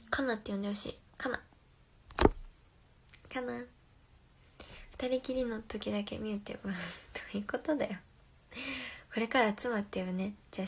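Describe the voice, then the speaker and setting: Playful young woman with vocal fry. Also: mid-range voice, slight background noise. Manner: reads viewer comments aloud and replies playfully, often drops to a whisper. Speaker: livestream host. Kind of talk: casual livestream chat. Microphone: phone.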